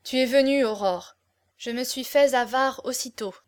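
A woman's voice: sits high, normal speed, lightly acted. A woman reading the part of an ardent young male swordsman in love, with impassioned declamation. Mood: passionate. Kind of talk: audiobook character reading.

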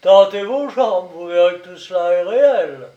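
A man's voice: sits high, slow pace, a little mellow. A man reading aloud voices a mocking, sadistic male commander who taunts his prisoners. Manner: taunting, sarcastic. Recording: roomy, distant, dull sound.

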